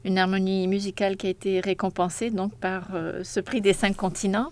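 A woman's voice: mid-range voice, little pitch movement, fairly quick, a little mellow. A woman interviewing a guest, asking brief, prompting questions.

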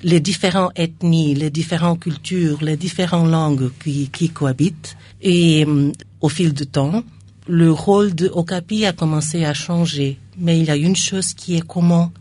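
In a relaxed interview, a radio station employee talks in French with a foreign accent, pausing to find words since French is not her native language. Her low-pitched voice is mellow and steady, delivered at a normal speed.

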